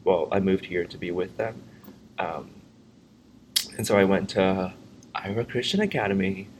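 A young man from Vietnam co-hosting a podcast, telling his faith story in a halting, chatty way with many fillers. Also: sits low, animated, a little hiss or hum, low-quality recording. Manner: halting, many fillers and restarts, laughs often. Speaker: podcast co-host. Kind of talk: casual testimony chat.

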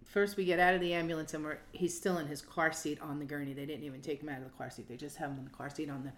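A woman who is a podcast guest, earnestly recounting her family's story and quickly jumping in to add details. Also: low voice, fairly even intonation. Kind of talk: casual storytelling.

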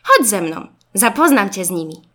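A woman's voice: mid-range voice, big pitch swings, moderate pace, sharp tone. A woman voicing a friendly, reassuring little boy car in a children's storybook, eager and upbeat. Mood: cheerful. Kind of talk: storybook reading.

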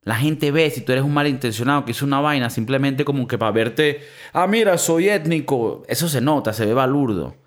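Barely pausing, a Venezuelan-accented co-host talks a little fast in a mid-range voice. His podcast chat is animated and slangy, and he swears without restraint.

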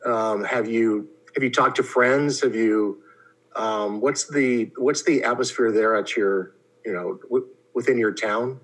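Halting male interviewer. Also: on the low side, low-quality recording. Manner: halting, repeats words while forming questions. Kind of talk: interview questions.

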